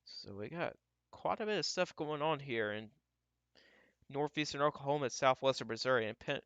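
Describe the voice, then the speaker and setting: A man giving casual, off-the-cuff live weather radar commentary as a livestream storm tracker, halting and repeating himself as he talks through what he scans. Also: mid-range voice, lively intonation, fairly bright tone, clear, resonant tone, dry recording, lo-fi sound. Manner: talks to himself while scanning, halting and repetitive.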